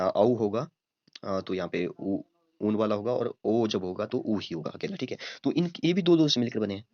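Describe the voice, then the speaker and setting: A man teaching grammar at a board, talking slowly with many fillers and frequent checks with his students. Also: lowish voice, no room sound. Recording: dull lo-fi dry sound.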